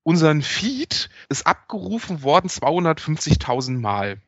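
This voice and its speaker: A man's voice: a little high, sing-song, normal speed, dry recording. Hesitant man hosting a podcast. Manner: hesitant, many filler sounds. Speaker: podcast host. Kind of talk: casual chat. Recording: dull lo-fi dry sound.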